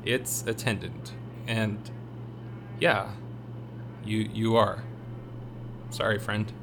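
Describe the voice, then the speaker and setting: A man playing a kindly, self-doubting afterlife attendant in an audio drama, hesitant and low-key. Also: fairly even intonation, drawn-out words. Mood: gentle. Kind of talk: scripted audio drama acting. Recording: clearly audible humming noise.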